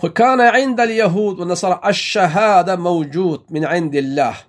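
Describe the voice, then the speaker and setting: A man from Afghanistan teaches a classical religious text line by line, pausing to explain the grammar. His voice sits high, and he speaks in a measured way, often restarting a word before going on. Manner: measured explanation with frequent restarts and soft acknowledgements. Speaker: teacher of Quranic exegesis and grammar.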